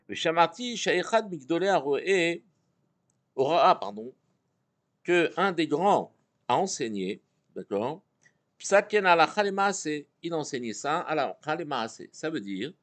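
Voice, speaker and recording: A man with a medium-pitched, slightly breathy voice leads an interactive Torah class. He reads Hebrew passages aloud, then translates and explains them for his students.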